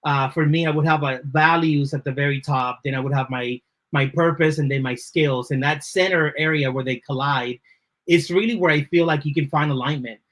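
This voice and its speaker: A podcast guest and creative leader, this man from the Dominican Republic speaks Spanish natively with a Dominican accent. His voice is fairly high and a bit bright, with a steady tone at normal speed. He answers interview questions thoughtfully and often checks in with "right?".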